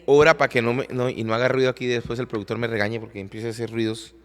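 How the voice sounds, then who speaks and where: A man's voice: mid-range voice, little pitch movement, racing, long reverb tail. A man co-hosting a podcast, earnestly telling a personal faith story with emotion, often repeating and restarting words. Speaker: podcast co-host, worship leader. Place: recording studio.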